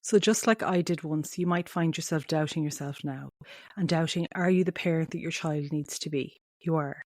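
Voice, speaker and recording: A woman's voice: sits low, normal speed, darkish tone, no room sound, studio quality. A middle-aged woman with a Mayo accent from the west of Ireland hosts a solo podcast, speaking directly and reassuringly to parents. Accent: Irish, County Mayo in the west of Ireland. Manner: reassuring, addresses listener directly, asks and answers own questions. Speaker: podcast host.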